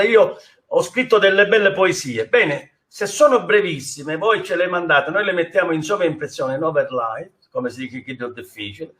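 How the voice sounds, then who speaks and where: A man's voice: on the high side, a bit bright. A man with a Sicilian accent hosting a live talk show, addressing guests and viewers at home. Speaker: host.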